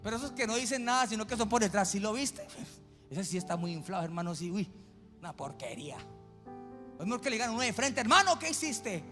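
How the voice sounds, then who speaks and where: A high-voiced male pastor preaches and tells stories theatrically. The church hall gives his voice a long echo, with faint music behind him. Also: expressive, quick pace, a bit bright. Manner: dramatic storytelling. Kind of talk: sermon.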